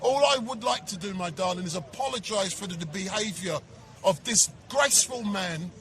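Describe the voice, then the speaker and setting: A man hosting a rowdy street livestream outdoors in a city park, excitable and repeating his words as he calls people over. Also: high-pitched, moderate pace, faint music behind. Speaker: livestream host. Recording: outdoor crowd noise. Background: crowd chatter.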